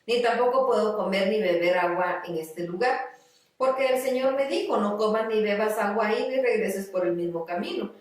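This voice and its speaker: A woman's voice: medium pitch, moderate pace, a little mellow, close to an everyday voice. Firm man of God, read by a woman. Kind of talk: scripture reading. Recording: very echoey room, far from mic.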